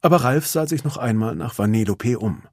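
A man reads a storybook aloud with lively swings in his voice. His tone is husky, and the sound is dry and close. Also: mid-range voice, a little fast, dry recording. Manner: expressive. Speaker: narrator. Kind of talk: storybook reading.

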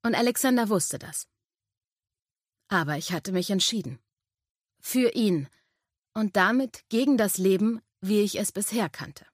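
A woman reading a first-person audiobook in a calm, intimate storytelling manner. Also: mid-range voice, measured pace, long pauses, no echo, studio quality. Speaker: audiobook narrator.

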